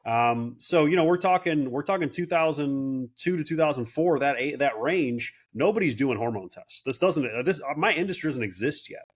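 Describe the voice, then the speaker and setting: Husky and a little high, this man's voice moves at normal speed with few pauses. The guest, a clinic owner in his late thirties, recounts his story casually for an interview, acting out what others told him in character voices.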